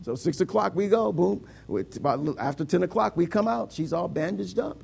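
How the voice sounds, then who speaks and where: High gravelly emphatic preacher man. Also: animated, moderate pace, a little hiss or hum. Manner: emphatic, repetitive preaching that rises to shouts. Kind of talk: sermon.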